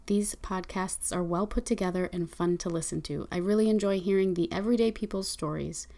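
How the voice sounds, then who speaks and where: A woman hosting a podcast, reading listener reviews and introducing the guest in a friendly, unhurried way with occasional ums. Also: fairly low pitch, a little mellow. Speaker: podcast host.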